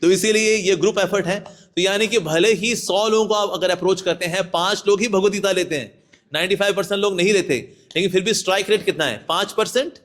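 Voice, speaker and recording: Lively high-voiced monk preaching. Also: male voice, brisk. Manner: lively, acts out people with sudden voice shifts. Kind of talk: devotional talk to devotees.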